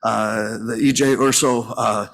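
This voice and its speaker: A man's voice: lowish voice, fairly even intonation, unhurried, creaky, a bit bright. A man in his sixties giving a folksy, rambling conference talk, full of fillers and restarts as he tells stories. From Minnesota, US. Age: 60s. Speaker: funeral home owner and conference speaker. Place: conference session room.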